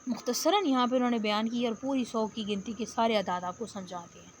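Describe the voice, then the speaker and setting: A woman teacher giving a spoken lesson, patient, explaining step by step and repeating words slowly. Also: fairly high pitch, slight background noise. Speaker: Arabic teacher. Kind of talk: spoken lecture.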